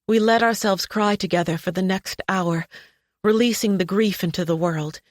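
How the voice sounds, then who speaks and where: A woman reading a first-person story aloud in a soft, emotional way. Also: on the low side, no room sound, studio quality. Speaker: narrator. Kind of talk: first-person audiobook narration.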